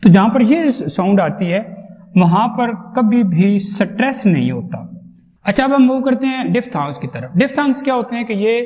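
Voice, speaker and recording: A man teaching phonetics in a classroom lecture, patiently explaining and slowly sounding out each vowel and consonant. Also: high-pitched, big pitch swings, darkish tone, big-room sound, rough recording.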